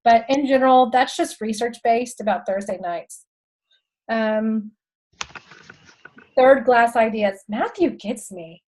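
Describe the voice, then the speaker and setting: Chatty Texan woman with a high voice. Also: takes it slowly, long pauses, darkish tone, low-quality recording. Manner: chatty, laughing asides, addresses viewers as y'all. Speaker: direct-sales consultant and host. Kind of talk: casual how-to talk.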